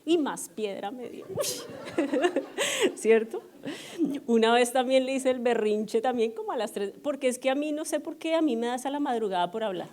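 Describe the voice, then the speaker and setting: A middle-aged woman pastor, telling personal stories to her congregation in an animated, self-mocking way and checking in with the audience often. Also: high-pitched, normal speed, a little hiss or hum. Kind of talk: storytelling sermon to a congregation. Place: church service.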